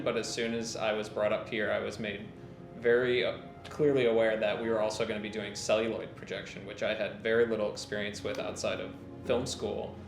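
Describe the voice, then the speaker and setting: A man's voice: fairly low pitch, reverberant. A man in his mid twenties, a projectionist, talking casually and earnestly in a documentary interview with some uh fillers. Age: 20s.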